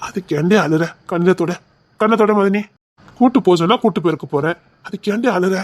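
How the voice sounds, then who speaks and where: A man's voice: high-pitched, fairly quick, dry recording, close to an everyday voice. A man with a Tirunelveli Tamil accent, playing a caring young village man who teases affectionately. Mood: coaxing. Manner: affectionate, teasing, easygoing. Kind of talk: web series drama acting.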